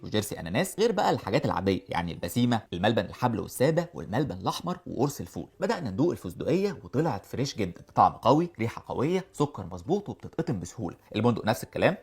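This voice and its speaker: Fast, husky Egyptian man reviewing sweets. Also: on the low side. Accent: Egyptian Arabic. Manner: brisk, listing items one after another. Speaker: product reviewer. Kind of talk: promotional food review voice-over.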